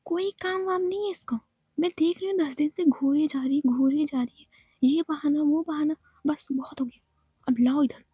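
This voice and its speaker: A woman's voice: high-pitched, moderate pace, warm tone, no echo, clean studio sound, lightly acted. A woman voicing a jealous, possessive young woman in a whispered role-play, scolding sharply.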